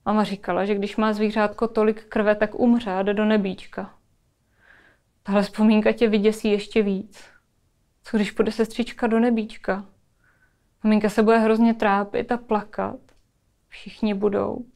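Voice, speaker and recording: A woman calmly leading a guided imagery exercise in a webinar, speaking softly and narrating a scene. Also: mid-range voice. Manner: soft, calm, storytelling.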